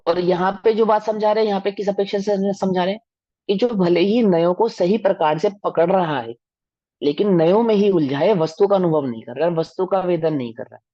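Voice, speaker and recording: In a dull, dry recording with no echo, a man with a high, warm voice leads a scripture study class at a slightly fast clip. He explains things step by step and keeps putting rhetorical questions to the class.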